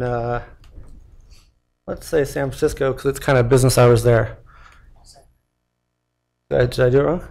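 This young man, a startup founder, demos his product live and casually from a podium at a tech meetup lecture hall, his speech peppered with fillers and false starts. The podium mic catches a medium-pitched, somewhat mellow voice.

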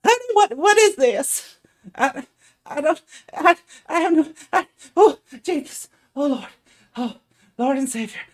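A frazzled little halfling woman shrieks in panic, her voice jumping far up and blaring loud, as a man puts her on at the gaming table. She spills out breathless, swearing exclamations in a tabletop game. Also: very high-pitched, lively intonation, unhurried, pitched above the performer's own voice. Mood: flustered.

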